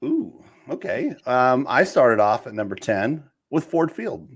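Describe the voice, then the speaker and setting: Excitable man with a lively voice. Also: mid-range voice, unhurried, slightly rough. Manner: excitable, jumps between shouting and mumbling. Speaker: podcast co-host. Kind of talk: casual sports talk.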